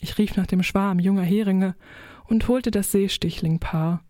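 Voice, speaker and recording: A woman narrating a children's audio story in the first person, with gentle, expressive storytelling. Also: medium pitch, measured pace, dry recording, studio quality.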